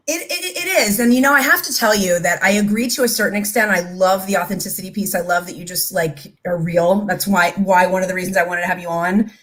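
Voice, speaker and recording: A woman's voice: medium pitch, fast, hardly any pauses, fairly bright tone. Enthusiastic woman hosting a live interview. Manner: enthusiastic, affirming. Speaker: host.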